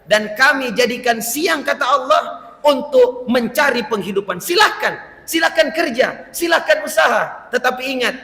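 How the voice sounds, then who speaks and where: A man preaching a lively sermon in a mosque, laughing with the congregation and breaking into scolding asides. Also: very high voice, normal speed. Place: mosque hall. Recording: echoey hall with reverb.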